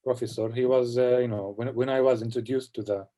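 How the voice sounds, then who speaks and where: Mellow-voiced man from Palestine, reflective. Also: mid-range voice, fairly even intonation. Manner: reflective, halting, often adds "you know". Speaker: film director. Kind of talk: festival Q&A conversation.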